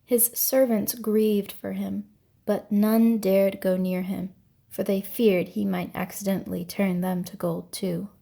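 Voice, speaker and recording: A woman's voice: mid-range voice, little pitch movement, a little slow, creaky, mellow. A woman storyteller narrating an ancient myth from a script, with grave, dramatic delivery.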